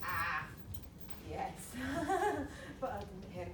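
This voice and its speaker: A woman's voice: mid-range voice, very animated, drawn-out words. A woman playing a young woman disguised as a male sailor, earnest and flustered, in a live stage comedy. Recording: echoey stage from far off, with background noise.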